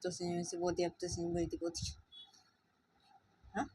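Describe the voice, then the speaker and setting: A woman narrating a serialized story in a quiet, repetitive way. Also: lowish voice, completely flat delivery, fast, a little hiss or hum.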